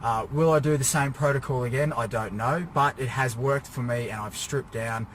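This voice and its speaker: A man's voice: medium pitch, normal speed, a bit bright. An exhausted, drained man giving a casual, rambling personal rant as a fitness vlogger sitting in his car, weary but pushing himself on. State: exhausted, drained after a workout. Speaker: fitness vlogger preparing for a bodybuilding show. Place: inside a car. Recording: noisy car interior, vehicle ambience.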